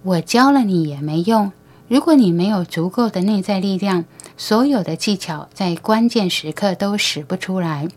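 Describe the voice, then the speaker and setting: A woman reading the lines of a calm male alien teacher in an audiobook, patient and knowing as he talks to human parents. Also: medium pitch, normal speed, close to an everyday voice. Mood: gentle, instructive.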